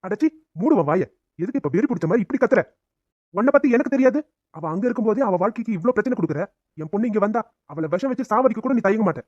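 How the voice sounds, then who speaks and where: A man voicing a stern but loving middle-aged father in a cartoon family drama, firm and quick-spoken. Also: sits high, lively intonation, darkish tone, no echo, muffled recording. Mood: angry. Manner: firm, rapid, angry when pushed. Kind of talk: cartoon dubbing.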